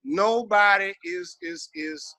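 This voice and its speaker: A middle-aged veteran rapper from the American South, appearing as an interview guest, casually recalls the past with emphatic street slang and plenty of cursing. His high, gravelly voice is very animated, pushed and bright, and he takes his time. The studio-quality recording has no echo.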